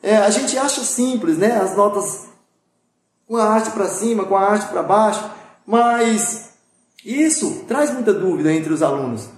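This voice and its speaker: A man's voice: sits high, expressive, a little slow. Man teaching music in an echoey room. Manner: patient, repetitive explaining with frequent "pessoal" and "tá?". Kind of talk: recorded video lesson.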